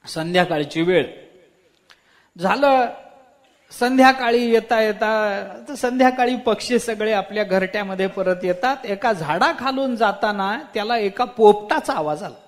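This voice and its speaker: Male preacher, storytelling sermon, very high-pitched, animated, dramatic pauses.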